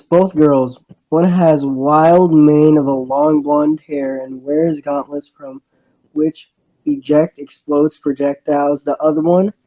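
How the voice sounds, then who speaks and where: Someone with a mid-range voice reads a visual novel aloud haltingly, voicing the dialogue lines. The microphone sounds dull.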